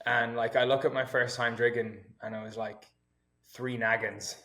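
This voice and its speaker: A man's voice: medium pitch, level tone, moderate pace, pushed and bright. A man, a fitness coach chatting as a podcast guest, self-mocking, rambling, laughing often. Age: 20s. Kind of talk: casual chat. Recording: roomy echoey room.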